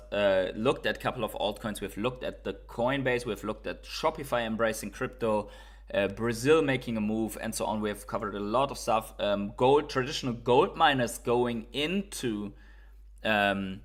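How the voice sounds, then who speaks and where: A German man with a German accent hosts a casual crypto livestream, reading out viewer comments and thinking aloud with fillers and repeats. His voice is on the low side with a fairly bright tone.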